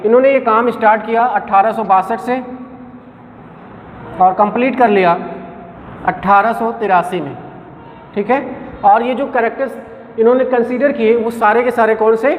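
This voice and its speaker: A man's voice: extremely high pitch, steady tone, normal speed, pauses often. Man, Indian English accent, biology lecture, asks and answers his own questions, reverberant hall, faint hiss. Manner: asks questions and answers them, calls students "beta". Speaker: biology teacher. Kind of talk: classroom lecture. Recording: echoey hall on a tinny lo-fi line.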